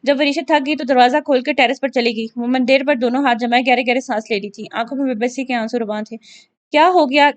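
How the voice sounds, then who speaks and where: A woman reading a romance novel aloud with expressive storytelling. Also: a little high, hardly any pauses. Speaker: novel reader.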